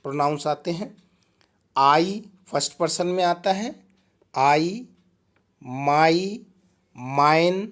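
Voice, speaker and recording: A man teaching a grammar lesson, explaining step by step and speaking to his students directly. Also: sits high.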